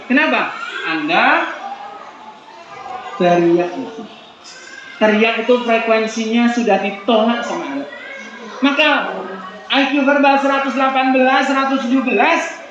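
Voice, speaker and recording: A man in his forties giving a joking, animated parenting seminar talk and putting questions to the audience. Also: high voice. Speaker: seminar speaker. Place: seminar hall. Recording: echoey hall, dull lo-fi sound, clear room noise.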